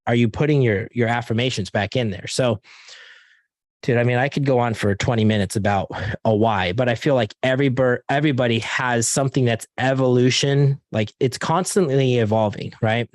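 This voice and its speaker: A man's voice: mid-range voice, fairly quick, no room sound. Guy giving a pep-talk sales training on a video call, super casual, lots of like and dude, dry close sound. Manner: casual, filler-heavy, addresses audience as guys and dude.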